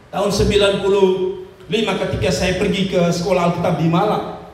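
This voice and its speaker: A man from Indonesia, preaching a sermon in a direct, scolding way, repeating phrases and calling out to the congregation. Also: high voice. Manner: calls out to the congregation with "saudara" and "amin". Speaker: pastor. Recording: echoey hall recorded from far off, faint ambience.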